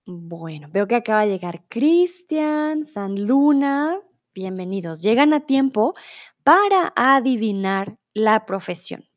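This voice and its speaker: A woman's voice: fairly high pitch, very animated, dry recording, highs cut off. A woman from teaching Spanish on a live stream, reading viewers' chat aloud and encouraging them patiently. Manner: patient, encouraging, repeats words slowly and switches to English.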